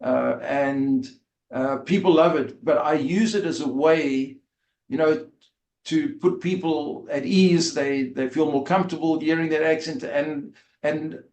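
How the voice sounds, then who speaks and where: A man's voice: fairly high pitch, steady tone, a little slow, darkish tone. South African man in a roomy echo. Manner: earnest, with frequent fillers and restarts. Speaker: rabbi, interview guest. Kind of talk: conversational storytelling.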